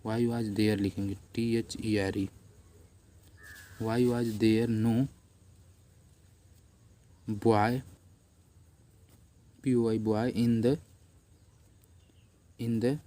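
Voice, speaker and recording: Casting note: middle-aged male tutor, low steady voice, patient, spells words out letter by letter for students to write down. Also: drawn-out words, pauses often. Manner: addresses viewers as friends, patient. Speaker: English teacher. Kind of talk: classroom-style lesson, slow dictation. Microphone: camera on a notebook while writing.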